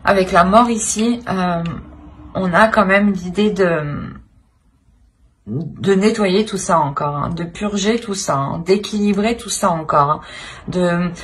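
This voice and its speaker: A tarot reader who runs a channel speaks at medium pitch while improvising a reading for viewers, hesitating, repeating herself and rephrasing as she looks for words.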